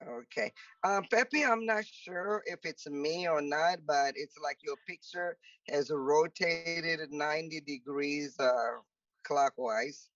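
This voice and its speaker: A low-voiced woman from the Democratic Republic of Congo, a native French speaker, hosts an online panel, speaking slowly with no echo. Her manner is upbeat and chatty, full of fillers. The audio comes through a video call and sounds muffled and distant.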